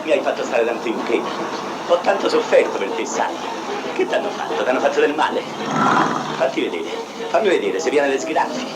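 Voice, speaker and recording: A man's voice: medium pitch, very animated, brisk, close to an everyday voice. An actor playing a man fussing tenderly over his beloved car, cooing at it, in a noisy old film soundtrack. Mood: doting.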